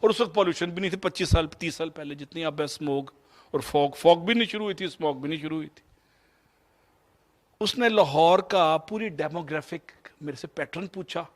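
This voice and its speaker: A man in his fifties from Pakistan with a Pakistani Urdu accent, telling a personal story in a motivational lecture and slipping English phrases into his Urdu. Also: a little high. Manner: mixes English phrases into Urdu, shifts between loud and soft. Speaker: motivational speaker.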